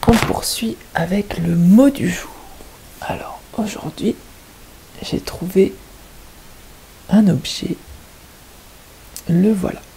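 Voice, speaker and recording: A woman's voice: mid-range voice, slow pace, gravelly, pauses often, mellow, in a whisper, rough recording. A woman teaching kindergarten children, patiently stressing each word and syllable. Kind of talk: teaching young children at home.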